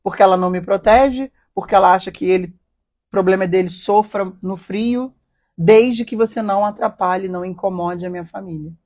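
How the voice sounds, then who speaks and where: A woman's voice: medium pitch, normal speed, a little mellow. A woman hosting a live stream, telling a personal story in an earnest, emotional way and often asking rhetorical questions. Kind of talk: confessional personal talk.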